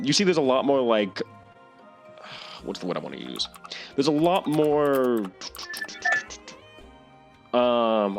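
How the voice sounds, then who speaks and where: A man narrating a tabletop game as game master, rambling and searching for words with many restarts. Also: medium pitch.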